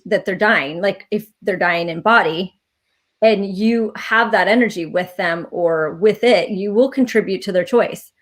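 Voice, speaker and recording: A woman facilitating a class, talking casually and reflectively on a live stream over a video call, laughing now and then. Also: medium pitch.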